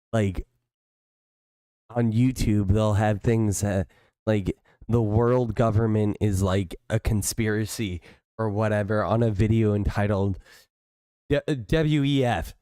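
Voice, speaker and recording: A man's voice: fairly low pitch, steady tone, slow, dark tone, clear, resonant tone, no room sound. A man co-hosting a podcast in casual, unscripted chat.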